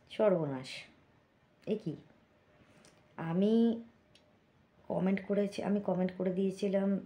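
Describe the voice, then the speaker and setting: A woman's voice: mid-range voice, dull audio. A woman vlogger chatting casually to her viewers, reading comments aloud with many fillers and asides. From Bengal.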